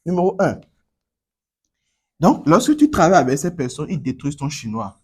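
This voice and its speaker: A man's voice: on the high side, huge pitch swings, normal speed, breathy edge. A man coaching a class on Chinese pronunciation, drilling students and repeating words energetically.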